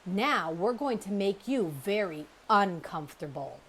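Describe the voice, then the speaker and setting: A woman's voice: medium pitch, expressive, unhurried, husky. A woman doing a bossy, sarcastic young she-bear. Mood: menacing.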